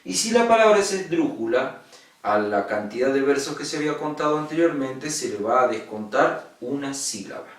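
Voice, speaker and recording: A man's voice: medium pitch, expressive, moderate pace, far from the mic. A male secondary school teacher, patiently giving an online lesson on poetic meter, repeating key words and checking that his students follow. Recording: echoey room, voice from off-mic.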